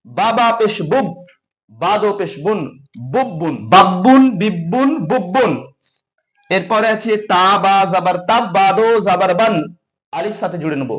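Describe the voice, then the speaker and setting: A man with a Bengali accent teaching Quran reading, slowly spelling out Arabic letters and repeating syllables for learners. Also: high-pitched. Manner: slow, patient drilling with repeated syllables.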